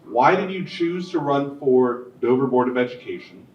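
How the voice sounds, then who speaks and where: A man's voice: medium pitch, normal speed. A man moderating a candidate forum, reading questions in a plain, businesslike way. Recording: echoey room from far off, dull sound.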